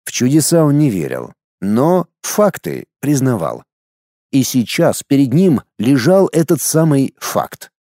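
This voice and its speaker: A male audiobook narrator telling the story in a measured, expressive way, with a lively, rising and falling melody. His voice is mid-pitched with a dark, mellow tone, and the recording is dry and close. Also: no room sound.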